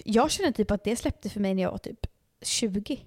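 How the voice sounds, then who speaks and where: A young woman co-hosting a podcast, chatting casually with lively swearing. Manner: animated, swearing, quick shifts in pitch. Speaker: podcast co-host. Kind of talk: casual chat.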